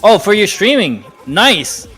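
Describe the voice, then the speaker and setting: A man from Nepal, chatting casually on a live game stream, laughing easily and reacting out loud to play. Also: sits high, very animated, takes it slowly, slightly rough, faint music behind. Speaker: gaming streamer. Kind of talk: casual live-stream chat while gaming.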